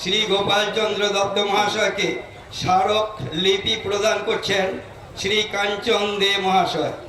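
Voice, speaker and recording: A man formally announcing honours at a village stage event, solemn and measured, pausing between phrases. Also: sits high, level tone, bright, forceful tone. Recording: echoey stage PA, distant, crowd behind.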